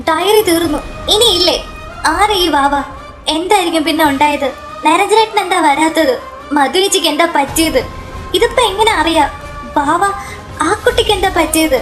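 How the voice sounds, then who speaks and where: A woman voicing a young woman who is eager and anxious, firing rapid questions over soft music. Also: very high voice, pitched above the performer's own voice.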